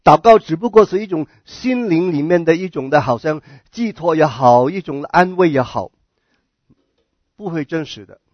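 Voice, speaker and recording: High-voiced man preaching a sermon. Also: expressive, normal speed, dry recording. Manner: earnest, repeats and restarts words, asks the listeners questions. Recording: dull, dry lo-fi recording.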